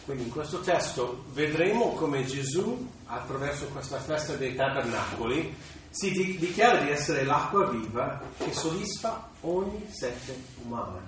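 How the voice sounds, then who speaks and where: A male preacher giving a sermon, animated, with occasional small restarts. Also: a little high, measured pace. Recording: echoey room, distant mic, faint noise.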